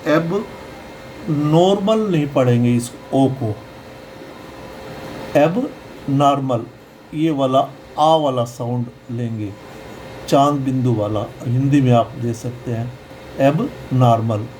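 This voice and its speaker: A man teaching pronunciation in a slow, explanatory lesson, patiently repeating each sound. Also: medium pitch, darkish tone, a little hiss or hum, rough recording.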